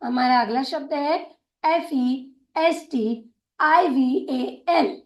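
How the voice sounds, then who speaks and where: Slow, high-voiced woman teaching phonics. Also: a little mellow, reverberant. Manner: slow, patient, repeats each word twice. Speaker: English teacher. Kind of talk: phonics lesson, spelling out and sounding words.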